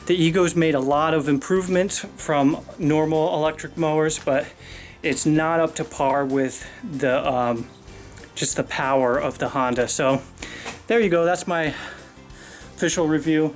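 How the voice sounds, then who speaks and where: A man giving a casual, rambling mower review outdoors, out of breath and talking with many fillers. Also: fairly high pitch. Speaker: lawn care video host. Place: outdoors on a lawn.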